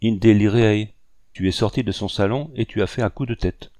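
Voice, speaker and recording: Give me a man playing a brusque, blustering older father with a low voice. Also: brisk, mellow, no room sound, clean studio sound, close to an everyday voice. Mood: scolding. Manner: brusque, scolding.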